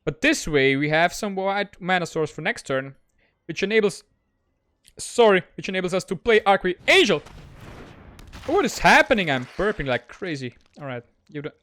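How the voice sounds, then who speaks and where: Excitable high-voiced man commentating a card game. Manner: excitable, quick, self-mocking. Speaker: gaming channel host. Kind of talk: gameplay commentary.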